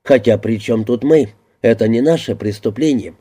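A man's voice: mid-range voice, normal speed, mellow, breathy edge, close to an everyday voice. A man reading an audiobook voices a laconic male detective who answers in short, offhand replies.

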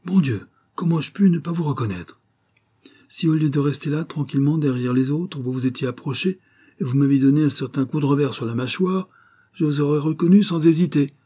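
Man putting on gruff porter guy, old wrestler, broad and stubborn, kinda husky and dark, talks curt and raised. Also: mid-range voice, normal speed, natural voice. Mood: apologetic. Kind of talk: audiobook character voice.

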